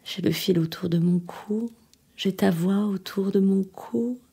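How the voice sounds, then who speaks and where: A woman's voice: medium pitch, measured pace, creaky, warm tone, breathy edge, exaggerated voice. An actress reading a theatre monologue as a desperate woman pleading on the phone with her departing lover, often sinking to a trembling whisper. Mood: tender, heartbroken.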